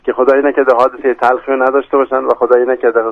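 A man's voice: medium pitch, little pitch movement, vocal fry, no room sound. Man with a Yazdi accent on a dull phone line. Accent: Yazdi Persian. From Yazd, Iran. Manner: hesitant, with many fillers and restarts. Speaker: emergency services official. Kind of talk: phone-in radio interview.

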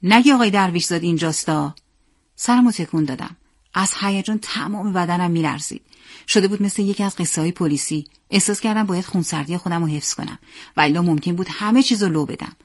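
A woman narrating a story in a steady, plain reading voice. Her pitch sits in the middle for a woman, and she keeps an even storytelling pace. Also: dry recording, clean studio sound.

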